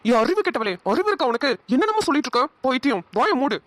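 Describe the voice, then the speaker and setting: A performer voicing a sensible young husband in a cartoon, laying out his reasoning quickly. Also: medium pitch, noisy background, close to an everyday voice. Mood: scolding. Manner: quick, explaining. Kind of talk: cartoon voice acting.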